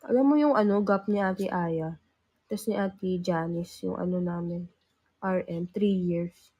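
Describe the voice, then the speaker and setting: A woman's voice: fairly low pitch, a little slow, slightly rough. Teen girl host, casual live chat, teasing and giggly, under the weather with a cough. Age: teens. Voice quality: loudness rises and falls. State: sick with a cough. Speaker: livestream host.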